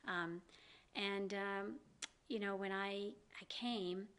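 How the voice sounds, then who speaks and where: Here a middle-aged Southern woman speaks slowly in a smooth, fairly bright mid-range voice, keeping her intonation fairly even. As the executive director of a downtown organization, she's the guest in an interview, answering earnestly with a slight Southern accent and frequent ums and you-knows.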